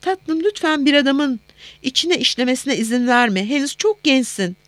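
Woman putting on a soft doting mother. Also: high voice, moderate pace, dry recording, pitched above the performer's own voice, lightly acted. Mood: fond worry. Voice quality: soft, soothing. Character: warm doting middle-aged mother on the phone. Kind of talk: audiobook character voice.

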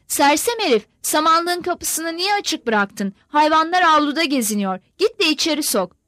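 A woman's voice: sits high, sing-song, moderate pace, a bit bright, no echo, clean studio sound, voice pushed up. A woman voicing a scheming old peasant man who scolds his son. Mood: scolding.

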